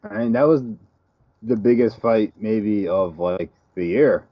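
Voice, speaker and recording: Guy rambling on a podcast, dark mellow voice, dry sound. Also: on the low side, a little slow, dry recording. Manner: rambling, filler-heavy, wry. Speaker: podcast co-host. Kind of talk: casual chat.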